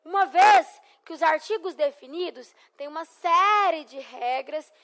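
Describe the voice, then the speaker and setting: A young Brazilian woman with a Brazilian Portuguese accent, an English teacher giving a recorded lesson. She is encouraging and repeats phrases slowly for students to echo. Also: extremely high pitch, fairly bright tone.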